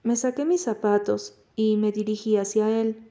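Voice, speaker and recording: Mellow-voiced woman reading an audiobook. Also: mid-range voice, fairly even intonation, moderate pace. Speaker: audiobook narrator. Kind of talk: scripted first-person narration.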